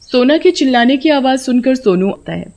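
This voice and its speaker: A woman narrating an animated horror story in a steady storytelling voice. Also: high voice, normal speed.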